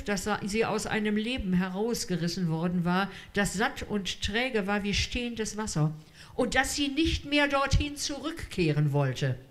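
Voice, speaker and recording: A woman reading a literary story aloud in a measured storytelling manner. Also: on the high side. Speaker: reader.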